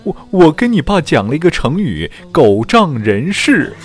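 A man's voice: fairly high pitch, wildly swooping pitch, brisk, a little mellow, soft background music, pitched above the performer's own voice. A man playing a husband confessing a blunder to his wife in a joke. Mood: sheepish.

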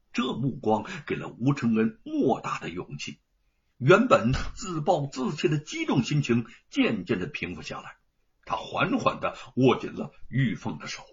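A man telling a dramatic story in an expressive narrating voice, on a dull lo-fi recording. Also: mid-range voice, breathy edge.

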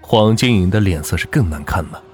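Husky low-voiced ghost story teller. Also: male voice, brisk, soft background music. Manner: dramatic, lively storytelling. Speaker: storyteller host. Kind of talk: folk ghost story narration.

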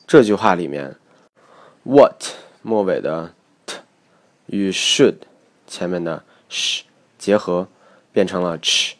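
Low-voiced man explaining pronunciation. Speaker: English pronunciation teacher. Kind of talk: scripted lesson narration.

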